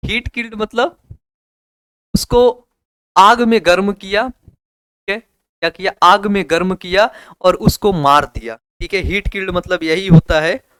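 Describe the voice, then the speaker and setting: A young man teaching biology with a Hindi accent, his voice high and smooth. He lectures casually, throwing questions at students and joking between points. The sound is dry and close. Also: measured pace, long pauses, fairly bright tone, no echo. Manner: chatty, repeats questions to students, jokes.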